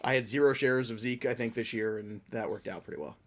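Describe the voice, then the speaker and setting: A man's voice: mid-range voice, quick pace. Guy guesting on a football podcast, laughs a lot, joking around. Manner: laughs often, jokey. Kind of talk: casual podcast chat.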